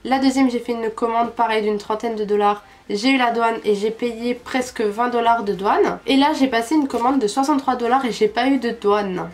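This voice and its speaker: Young woman, beauty vlogger, fairly high voice, chatty, lots of fillers. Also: normal speed, hardly any pauses. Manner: chatty, frequent "euh" fillers. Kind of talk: casual product review.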